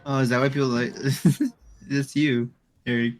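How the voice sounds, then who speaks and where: A man's voice: medium pitch, level tone, measured pace, soft background music. Chatty man streaming a game. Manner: chatty, laughs often, reacts loudly. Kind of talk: casual live-stream chat while gaming.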